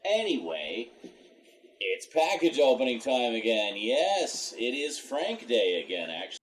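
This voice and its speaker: A man streamer in relaxed casual chat, his voice played back with heavy cave-like echo from strong noise filtering. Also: mid-range voice, a little slow, soft background music.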